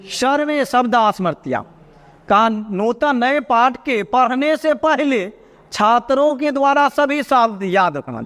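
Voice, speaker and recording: A man's voice: very high voice, fairly bright tone, big-room sound. A male teacher giving an exam prep lecture in a coaching classroom, reading out Sanskrit lines, explaining them in Hindi and repeating key terms.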